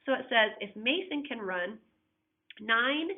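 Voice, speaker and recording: A woman math teacher with a husky, expressive, fairly high voice speaks at a measured pace over a tinny, phone-like line. In this recorded flipped-classroom lesson she patiently talks through every step, asks students to check along, and coughs again and again.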